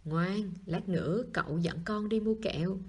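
A caring, protective young man from an audiobook, voiced by a husky-toned woman. He calls out sharply when alarmed and teases softly otherwise. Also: mid-range voice, moderate pace. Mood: teasing.

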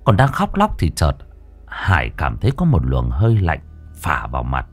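A man's voice: rumbling low, wildly swooping pitch, normal speed. A man narrating a ghost story in a vivid, colloquial storytelling manner. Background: soft music.

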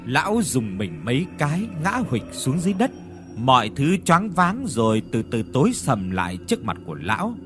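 A man narrating a horror story with a dramatic, expressive reading. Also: medium pitch, moderate pace, soft background music.

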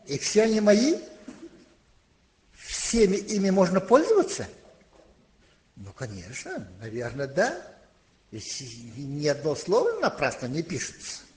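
An older man preaching a sermon, telling a childhood story slowly and with emphasis, and crying out when he quotes scripture. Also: high voice, wildly swooping pitch, poor audio. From Leningrad, Russia. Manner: slow, emphatic storytelling with rising cries when quoting. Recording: faint background hiss, archival tape.

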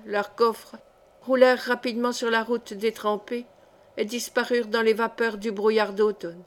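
A woman narrating a literary story aloud at a measured pace. Her voice sits somewhat high for a woman. She reads with clear, careful diction. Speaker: audiobook reader.

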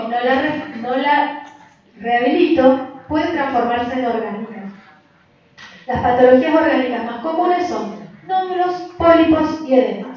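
High-voiced woman lecturing in an echoey hall. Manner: explanatory, emphatic repetition. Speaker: voice workshop speaker. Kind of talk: lecture to a group. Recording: echoey room, distant mic, dull sound.

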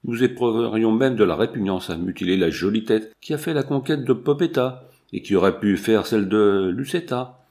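A man's voice: on the low side, animated, moderate pace, few pauses, a little mellow. A man voicing a mocking, cruel male bandit chief who taunts with facetious jokes.

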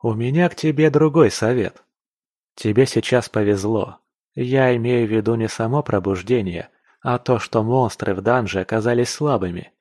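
A man doing a calm, sober young man. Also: mid-range voice, no room sound, clean studio sound, close to an everyday voice. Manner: calm, measured, wry. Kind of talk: audiobook character voice.

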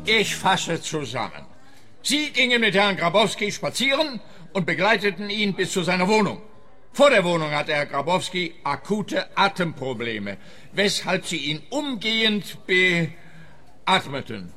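Pompous, sharp-voiced policeman. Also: sits high, sing-song, a little slow, soft background music, full character voice. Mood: officious. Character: pompous, scatterbrained male police officer. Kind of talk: radio crime comedy drama.

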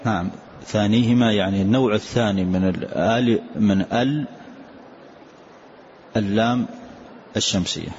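An older man, a sheikh, explains the rules of a recitation poem line by line in a calm, repetitive way, often saying "yes" between points. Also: lowish voice, moderate pace, pauses often. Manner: calm, repetitive, answers with short "na'am". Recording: dull lo-fi lecture recording with faint hiss.

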